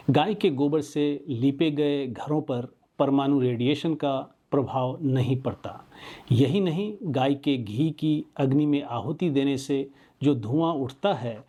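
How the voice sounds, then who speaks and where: A man giving scripted narration as a presenter, in a measured and earnest way. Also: a little high, mellow.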